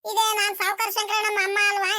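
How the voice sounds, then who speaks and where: Woman as fussy old mother, cartoon, scolding, very high and quick. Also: level tone. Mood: impatient scolding. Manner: scolding, calls out loudly.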